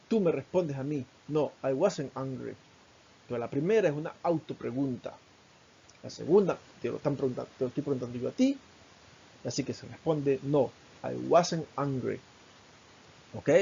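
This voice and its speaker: A man with a Venezuelan Spanish accent teaching an English lesson, slowly modeling each phrase with a husky voice. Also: medium pitch, warm tone, highs cut off. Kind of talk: recorded online lesson.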